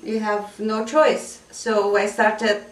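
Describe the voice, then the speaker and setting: A woman who teaches English to immigrants and refugees speaks as a casual interview guest, her mid-range voice flat and slow. She sounds earnest and reflective, dropping filler ums. The room is echoey and she's a bit off-mic, so she comes across distant.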